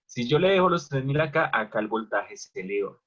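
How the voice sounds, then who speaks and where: Husky man teaching a technical class. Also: mid-range voice, expressive, brisk, a bit bright. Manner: asks the class questions and answers them himself. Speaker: electrical machines teacher. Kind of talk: online lecture at a whiteboard. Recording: dull lo-fi recording.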